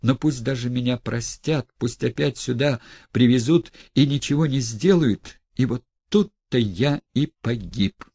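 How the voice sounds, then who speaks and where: A man voicing a frightened, despairing elderly gentleman who speaks in hushed, drawn-out tones. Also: mid-range voice, gravelly, husky, no echo.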